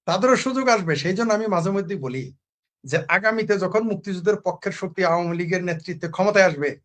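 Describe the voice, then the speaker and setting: A man with a fairly high voice argues his point on a talk show. He is emphatic and keeps firing rhetorical questions and repeating phrases for weight, in the manner of a political commentator. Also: quick pace, fairly bright tone. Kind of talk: heated talk-show argument.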